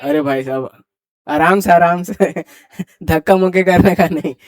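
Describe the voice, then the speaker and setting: Brisk high-voiced male classroom teacher. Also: dry recording. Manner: brisk, quizzing students and urging them to hurry. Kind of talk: classroom grammar lecture.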